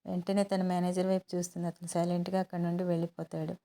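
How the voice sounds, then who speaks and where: A woman narrating a romantic story in a steady, plain storytelling manner. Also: lowish voice, fast.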